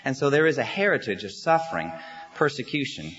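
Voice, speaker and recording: A pastor from the United States preaching a sermon in a church sanctuary, speaking at a pulpit microphone in an earnest, measured way with frequent "uh" pauses. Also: male voice, medium pitch, big pitch swings, a bit bright, faint music behind. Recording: slightly muffled sermon recording.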